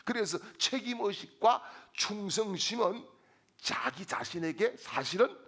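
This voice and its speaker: Middle-aged male pastor, raspy and bright-toned, preaching with lively swings into shouts. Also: high-pitched, measured pace. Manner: preaching with rising shouted refrains; tells humorous stories with voiced characters. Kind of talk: sermon.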